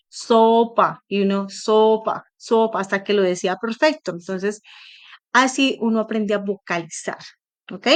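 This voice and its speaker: A young adult woman, an English teacher, giving animated, chatty advice with plenty of examples in an online class over a computer mic. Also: on the high side.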